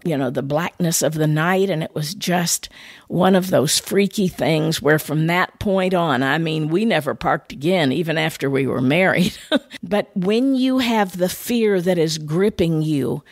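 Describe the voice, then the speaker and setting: An older woman hosting a ministry podcast, telling a personal story in an animated, conversational way. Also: fairly low pitch, moderate pace, no echo, studio quality.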